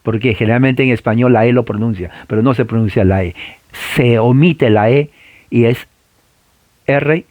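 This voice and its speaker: A man's voice: medium pitch, normal speed, dry recording, narrow, tinny audio. Emphatic man teaching church history. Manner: emphatic, repeats key points and asks listeners to repeat; frequent filler "eh" and tag questions.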